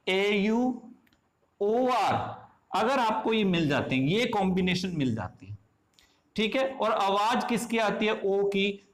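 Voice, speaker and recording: A man teaching English phonetics in a classroom style. He keeps asking his listeners questions, answers them himself, checks in with short asides, and says example words slowly and more than once. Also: high-pitched, fairly bright tone.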